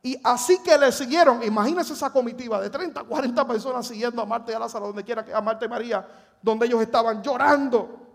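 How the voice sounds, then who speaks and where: In a church sanctuary, a Puerto Rican pastor with a Puerto Rican Spanish accent preaches to his congregation, telling the story dramatically, acting out scripture and joking with the church. His voice is very high-pitched and creaky, and he talks fast.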